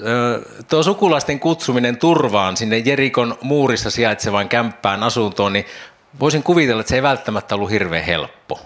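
A man's voice: medium pitch, expressive, fairly bright tone. A man preaching a devotional Bible teaching, reflective, imagining the scene aloud and posing questions to his listeners.

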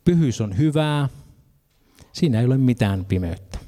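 A man's voice: mid-range voice, animated, mellow. A man preaching a sermon, earnest, reading scripture passages and adding casual asides.

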